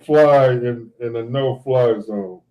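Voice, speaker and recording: A man on a phone call arguing in a hesitant, halting way. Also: mid-range voice, slight background noise. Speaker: prank caller. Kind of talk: debate over the phone.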